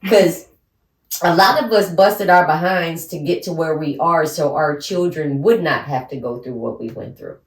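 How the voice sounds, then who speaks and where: A woman in her forties co-hosts a podcast, speaking bluntly in a casual chat and laughing a lot. Her voice is low and her pace moderate. The sound is roomy, picked up by a distant mic.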